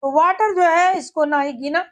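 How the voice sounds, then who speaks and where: A woman with a very high, light voice gives a scripted grammar lesson. She works through one word after another in a steady, methodical way, often pausing to ask her class a rhetorical question before giving the answer. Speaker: English teacher.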